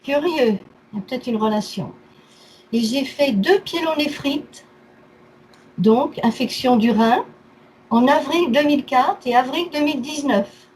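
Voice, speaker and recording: A high, slightly mellow female voice comes through poor audio with faint background noise, speaking a little slowly and pausing often. This therapy client casually lists her health complaints in short, clipped bits.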